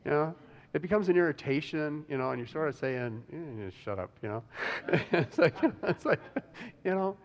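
A man's voice: on the high side, moderate pace. A man preaching a conversational sermon as pastor, full of restarts and "you know", with occasional chuckles. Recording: long reverb of a hall.

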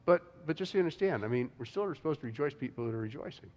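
This sermon comes from a pastor whose animated, racing mid-range voice has a darkish tone and echoes through a large hall with long reverb. He talks casually to the congregation, often restarting, dropping in "you know," and chuckling, while slight hiss or hum sits underneath.

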